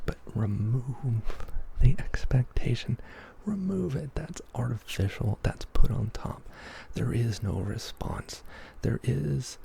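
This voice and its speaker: A man giving a soft, half-whispered ASMR pep talk in a breathy, gravelly voice, rambling along with gentle encouragement. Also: mid-range voice, slight background noise. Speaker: ASMR YouTuber.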